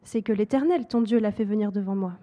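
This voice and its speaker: A woman's voice: mid-range voice, quick pace, warm tone, natural voice. A woman voicing an anxious young man who speaks carefully and earnestly. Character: young man, anxious, deceiving his father.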